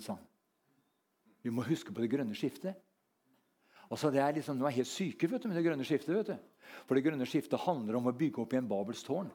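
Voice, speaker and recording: Man preaching, rambling with fillers, fervent surges, mid-pitched voice. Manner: rambling, halting with many fillers, rising to shouted fervor. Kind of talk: sermon.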